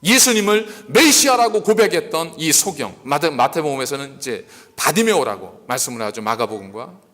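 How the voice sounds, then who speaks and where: Man, pastor, sermon, rhetorical questions, lively pitch, long church reverb. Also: a little fast. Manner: animated preaching with many rhetorical questions. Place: church sanctuary. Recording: echoey church hall.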